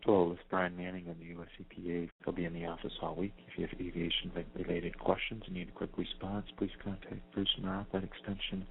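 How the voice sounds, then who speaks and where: A man's voice: low voice, fast, vocal fry, hardly any pauses. A man's recorded answering machine greeting heard over a phone, delivered in a businesslike way. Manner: businesslike, rattling off details. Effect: recorded voicemail greeting heard over a phone. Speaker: government employee. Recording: noisy, tinny phone line.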